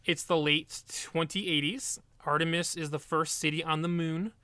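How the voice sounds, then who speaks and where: A man co-hosting a book podcast, summarizing a novel in a relaxed way and often correcting himself. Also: fairly high pitch, normal speed, dry recording. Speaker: podcast co-host. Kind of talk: casual book review chat.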